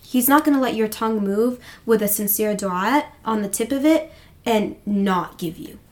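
A woman's voice: medium pitch, moderate pace, darkish tone. Heartfelt, encouraging woman podcast co-host. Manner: heartfelt, encouraging, repeats phrases for emphasis. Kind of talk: casual faith discussion podcast.

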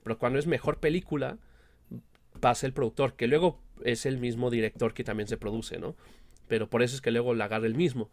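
A man's voice: medium pitch, steady tone, fairly quick, no room sound. A man with a Mexican accent and a speech impediment on the R sound, chatting casually as an interview guest and explaining things with frequent check-in tags. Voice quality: speech impediment, cannot pronounce the R sound properly. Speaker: guest, film producer and director.

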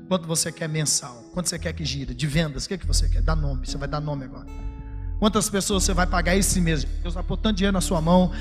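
A man preaching a sermon, swinging between shouted fervor and low, confiding talk. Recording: music under, long hall reverb.

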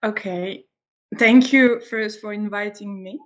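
A woman from Switzerland, a yoga teacher answering interview questions with enthusiasm and pausing to find her words. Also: mid-range voice, steady tone, lo-fi sound.

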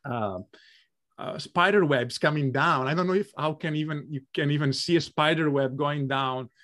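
A man's voice: on the high side, moderate pace, fairly bright tone. A man co-hosting a podcast, talking in a thoughtful, hesitant way with many fillers and restarts as he tells a personal story. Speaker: podcast co-host. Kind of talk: reflective podcast chat.

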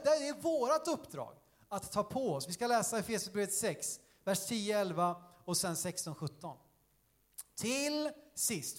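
A high-voiced male preacher delivering a lively sermon in a church hall. He talks conversationally, full of fillers, and acts out his points with sudden shouts and sound effects. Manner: animated, demonstrative, conversational with many fillers.

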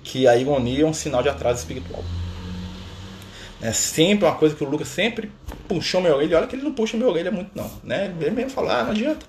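A man with a slightly high, darkish voice talks quickly and casually to viewers on a spiritual live stream, with a little background noise. He's chatty and playful, constantly tagging sentences with "né?" and tossing in playful asides.

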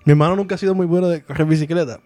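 A young man co-hosting a podcast tells stories in a casual chat, racing along with laughs and sound effects. His voice is a little high, mellow and steady in tone.

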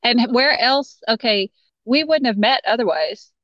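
A woman's voice: fairly high pitch, measured pace, dry recording. Southern Texan woman, easygoing, dull audio. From Texas. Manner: easygoing, laughs often. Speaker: podcast guest. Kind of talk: casual podcast chat.

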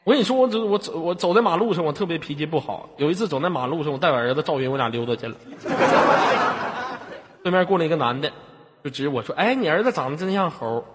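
A man with a Northeast Chinese accent hosting a live stream, teasing a caller in mock anger and bursting into shouts. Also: on the high side, fast, pauses often, big-room sound. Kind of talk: comic teasing chat with a caller. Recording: loud background noise.

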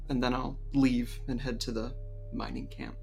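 A man's voice: medium pitch, big pitch swings, normal speed, gravelly, a little mellow, faint music behind. A man playing a tabletop game, speaking hesitantly with many fillers. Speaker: player.

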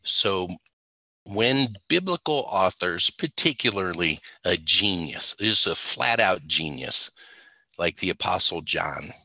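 A man's voice: deep voice, expressive, takes it slowly, pushed and bright, no echo. A man teaching the Bible in a conversational way, emphatic and stressing points by repeating words.

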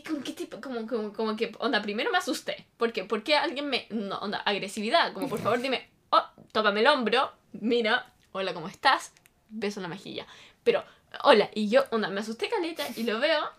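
A young woman with a Chilean accent, chatting casually and telling an animated story, acting out quotes. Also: high voice. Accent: Chilean Spanish. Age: young adult. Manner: animated storytelling, repeats for emphasis, acts out quotes. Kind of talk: casual chat.

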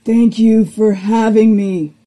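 Muffled stiff dragonborn man, played by a woman, slow and dark, sounds like it comes through a wall. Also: a little high, flat delivery. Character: stiff, formal male dragonborn newcomer in a costume head. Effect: muffled, as if heard through a wall or mask.

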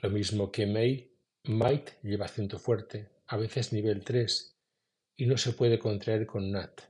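A man teaching English in a scripted podcast lesson, explaining at a measured pace and saying each example slowly. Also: fairly low pitch, fairly even intonation, darkish tone, breathy edge.

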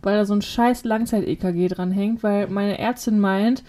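A young woman co-hosting a podcast, telling a story in a lively way, acting out quotes and swearing casually. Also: mid-range voice, moderate pace. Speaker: podcast co-host. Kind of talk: casual chat.

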